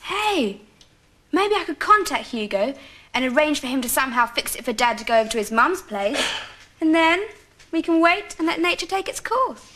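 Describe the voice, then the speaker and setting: A young actress playing an impulsive, scheming daughter who gets exasperated easily. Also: female voice, high voice, sing-song, moderate pace, pushed and bright, heavily acted. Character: impulsive young woman, flustered dater. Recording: noisy broadcast sound.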